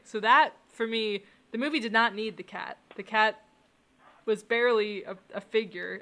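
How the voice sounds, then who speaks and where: A woman's voice: mid-range voice, pushed and bright. A woman appearing as a guest on a film review podcast, talking casually with wry, vivid complaints. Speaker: special guest.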